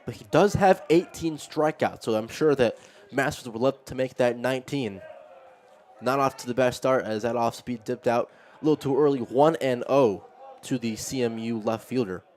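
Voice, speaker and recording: A male play-by-play announcer with a medium-pitched voice calls a baseball game live. He follows each pitch as it happens in a conversational way. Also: normal speed, a little mellow, a little hiss or hum. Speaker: play-by-play commentator.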